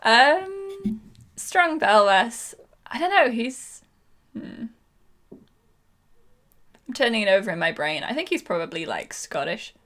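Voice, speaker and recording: A woman's voice: a little high, big pitch swings, takes it slowly, long pauses, fairly bright tone. A woman co-hosting a podcast, chatting casually and playfully with lots of ums and laughter. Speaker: podcast co-host. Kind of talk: casual chat.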